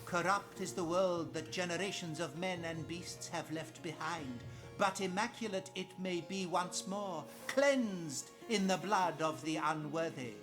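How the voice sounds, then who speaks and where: High-voiced, lofty cult priest. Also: male voice, measured pace, music in the background. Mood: exalted, haughty. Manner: grandiose, sermonizing, condescending. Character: lofty, zealous cult priest preaching of a blood goddess. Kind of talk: theatrical fantasy game dialogue.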